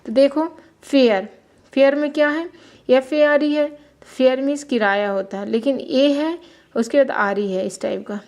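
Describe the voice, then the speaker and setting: A woman's voice: high-pitched, unhurried, a little mellow. A woman teaching a beginner English phonics lesson, patiently spelling each word letter by letter and giving its meaning.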